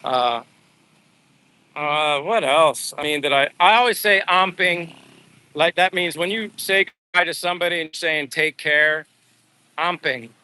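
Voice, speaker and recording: Walking outdoors, a man hosts a livestream and rambles casually with his viewers, calling them bro and dudes like old buddies. His voice is a little high, smooth and sharp in tone, and he takes his time. The recording quality is rough.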